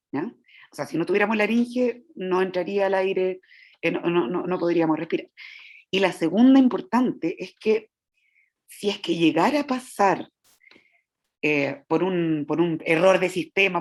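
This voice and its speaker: A woman teaching about the voice, explaining step by step and often checking in with her listeners. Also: fairly low pitch. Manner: demonstrates vocal sounds. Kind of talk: lecture to teachers.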